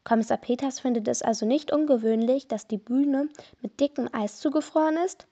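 Woman playing a careful teen girl detective, inquisitive, slightly high, lo-fi. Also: fairly quick, warm tone. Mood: curious.

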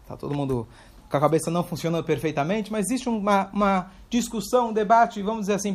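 Male religious teacher, high-pitched, explanatory, rhetorical questions. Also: a little mellow. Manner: explains step by step, asks questions aloud. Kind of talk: Torah class.

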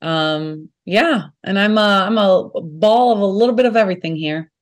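A woman with a Brooklyn accent, an actor and interview guest, talking in an animated, jokey way. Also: mid-range voice, moderate pace. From Brooklyn, New York. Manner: animated, jokey, lively storytelling. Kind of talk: casual interview chat.

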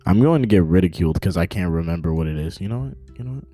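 Low, mellow young man rambling casually. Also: animated, fast talker, soft background music. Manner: rambling, joking, stumbles over words. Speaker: podcast host. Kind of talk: unscripted casual podcast update.

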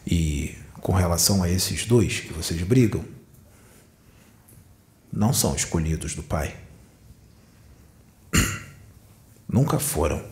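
A man's voice: sits low, expressive, slow, long pauses, a little mellow. A man giving a channeled spiritual sermon, admonishing his listeners with rhetorical questions. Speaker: spiritual medium. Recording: echoey room.

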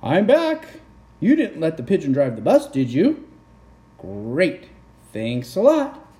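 A woman's voice: low voice, wildly swooping pitch, takes it slowly, dark tone, pitched above the performer's own voice, full character voice. A woman voicing a friendly, trusting bus driver from a picture book in a chatty way. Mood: cheerful, checking. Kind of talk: picture-book character read aloud.

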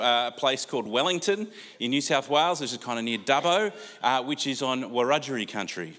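In a church hall with long reverb, an older Australian man preaches a sermon at a medium pitch. His style is laid-back and chatty, with lots of filler words.

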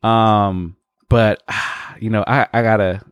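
A man's voice: on the low side, steady tone, takes it slowly, clean tone, no room sound. A man in his late twenties hosting a casual podcast chat, laid-back and tacking "man" onto his sentences. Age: 20s. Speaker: podcast host.

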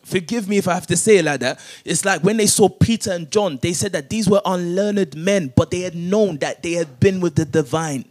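High-voiced man preaching a sermon. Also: moderate pace, hardly any pauses, a little mellow. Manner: preaching, repeats verses with rising emphasis. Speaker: pastor. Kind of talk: sermon with call-and-response scripture reading.

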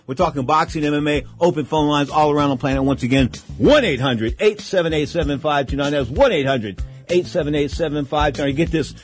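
A man's voice: fairly high pitch, no echo. A man hosting sports talk radio in a slangy, emphatic showman's style from a studio. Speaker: radio talk show host.

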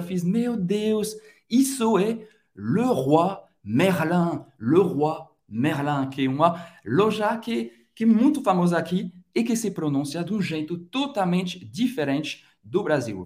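A French man, a native French speaker with a French accent, hosting a podcast and teaching pronunciation, drawing out each model word slowly between quick explanations. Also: fairly high pitch, a little mellow. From France. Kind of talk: pronunciation lesson.

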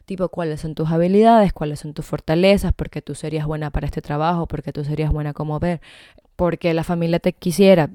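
A woman's voice: lowish voice, warm tone, no room sound, clean studio sound. A young woman hosting a podcast, talking casually to her listeners with lots of fillers and self-corrections. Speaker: podcast host. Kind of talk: casual solo talk to listeners.

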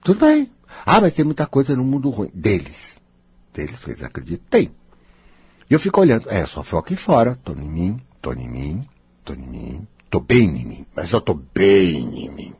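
A man's voice: sing-song, moderate pace, creaky, darkish tone, breathy edge, no room sound. A man giving a guided self-help talk, dramatic, playing out inner voices. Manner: dramatic, acts out inner voices, swings high and low.

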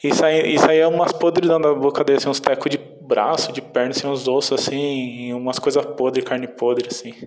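A man's voice: medium pitch, little pitch movement, brisk, few pauses. A man with a Brazilian Portuguese accent telling a story casually in a meandering, hesitant way.

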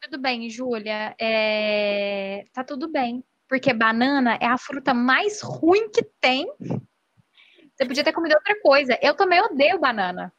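Bright high-voiced teasing woman. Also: expressive, measured pace, dull audio. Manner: teasing, encouraging. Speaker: podcast co-host. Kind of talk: casual podcast chat.

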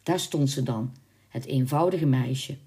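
A woman narrating a storybook in a measured, expressive way. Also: very deep voice.

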